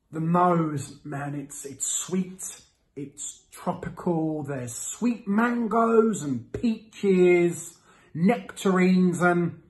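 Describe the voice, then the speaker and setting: Sitting high with a darkish tone, a playful man hosts a beer review series, giving a casual product review straight to camera. He's in a small indoor room with window blinds.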